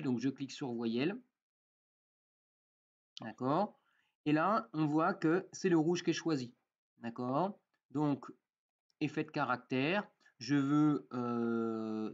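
A man walking through a software tutorial in a casual way, with many fillers and frequent "d'accord?" check-ins. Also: mid-range voice, highs cut off. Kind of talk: screen-recorded software tutorial.

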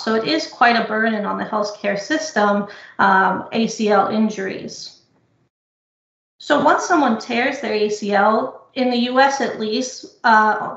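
A woman presenting research on knee injury rehab in an explanatory, measured way, with frequent fillers, over a video call. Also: on the high side, a bit bright. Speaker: physical therapy researcher presenting. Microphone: computer mic on video call. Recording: echoey lo-fi video call audio.

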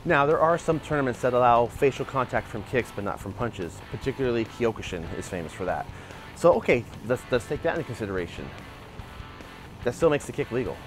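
A martial arts channel host in his forties gives opinionated, animated commentary outdoors in a backyard by a wooden fence, gesturing a lot as he argues his point. He's on a lapel mic, his mid-range voice moves fairly quickly, and faint music plays behind him.

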